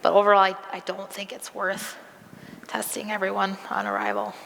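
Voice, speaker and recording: A woman's voice: medium pitch, completely flat delivery, normal speed, gravelly, a bit bright, in a large hall, a little hiss or hum. A woman veterinarian answering audience questions at a live presentation, conversational with frequent ums, and losing her voice. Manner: conversational, many um fillers, practical.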